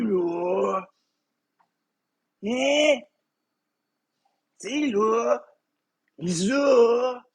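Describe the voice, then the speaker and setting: Brief: man impersonating a slow, raspy, high-pitched Québécois cartoon dad. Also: full character voice. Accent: Québécois French. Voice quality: gravelly, very husky, high and swooping. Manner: slow, rambling fatherly lecturing. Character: bumbling gravelly cartoon dad, middle-aged man. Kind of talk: comedic impression.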